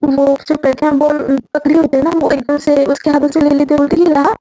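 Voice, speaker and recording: A woman's voice: high voice, little pitch movement, fairly quick, dark tone, a little hiss or hum, rough recording. A woman narrating a romance story in a chatty, casual way, full of filler words and repeats.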